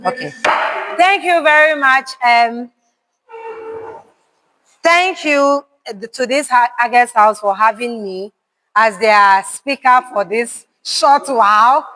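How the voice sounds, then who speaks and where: A woman with a Ghanaian accent giving a formal parliamentary address as speaker, in a measured, halting way. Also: a little high, pushed and bright, poor audio. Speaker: outgoing speaker of a mock parliament.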